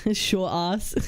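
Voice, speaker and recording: A young woman hosting a casual livestream, reading chat and lists aloud, blunt and swearing freely as she thinks out loud. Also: medium pitch. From United Kingdom. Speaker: livestream host.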